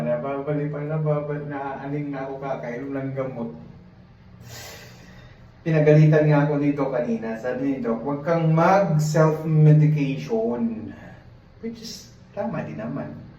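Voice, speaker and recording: A man's voice: a little high, slight background noise. A man vlogging casually while doing laundry, chatty and rambling, often laughing at himself. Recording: echoey, dull, from far off.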